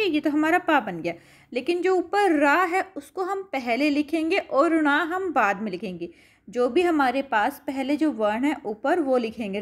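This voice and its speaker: A woman teacher with a high voice who takes the lesson at an unhurried pace. She repeats each word, asks rhetorical questions and answers them herself. She speaks to her pupils as her children. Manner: addresses pupils affectionately as children. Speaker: school Sanskrit teacher. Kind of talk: slow classroom lesson explanation.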